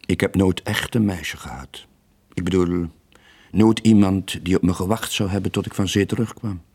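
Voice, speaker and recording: In a radio drama, an actor plays a weary, lonely sailor in his late forties who is gentle yet evasive. The husky voice is low-pitched and moderately paced, subdued and hesitant, with a guarded mood.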